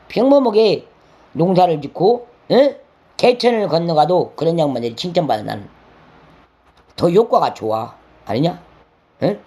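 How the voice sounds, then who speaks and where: A man's voice: fairly high pitch, a little mellow, breathy edge. An older man rambling through a scolding monologue, pressing his listener with constant questions and coarse words. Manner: lecturing, nagging tag questions, coarse words; slips into sung lines and acted quotes. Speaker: elder lecturing a listener.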